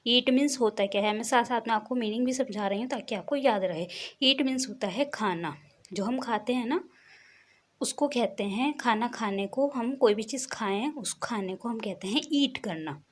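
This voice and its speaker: A woman's voice: a little high, moderate pace. A young woman, a teacher patiently explaining English words and spelling them out letter by letter.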